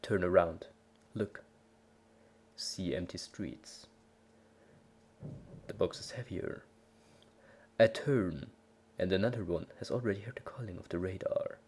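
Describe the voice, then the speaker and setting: Deep and breathy, the man's voice moves at a measured pace with frequent pauses as he dramatically reads fan fiction. An amateur narrator, he goes completely over the top, dropping to whispers and erupting into shouts.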